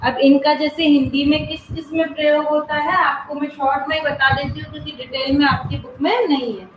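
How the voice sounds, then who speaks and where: A woman teacher giving an online grammar class to schoolchildren. She asks the class questions, answers them herself, and draws out example words slowly. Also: high-pitched, level tone, a little hiss or hum. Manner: slow, drawn-out spelling of example words. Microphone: video call. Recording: roomy, muffled online class audio.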